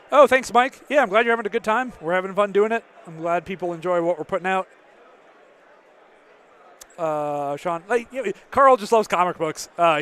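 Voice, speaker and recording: A man's voice: on the high side, fairly bright tone. A man casually commentating a tournament live stream, answering chat questions with frequent fillers and sounding slightly worn in the voice. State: slightly losing his voice.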